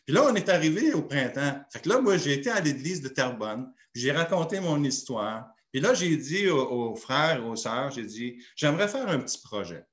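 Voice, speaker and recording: Québécois pastor telling a story, echoey room. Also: male voice, medium pitch, normal speed, few pauses. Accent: Québécois French. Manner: lively anecdotal storytelling, acting out dialogue. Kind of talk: sermon storytelling. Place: church.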